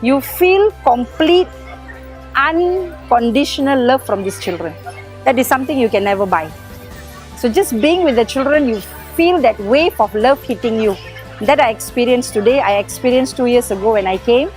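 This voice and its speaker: A woman giving a heartfelt testimonial as a visitor, speaking in measured phrases. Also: a little high, lively intonation, a little mellow, soft background music. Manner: heartfelt, measured then quickening.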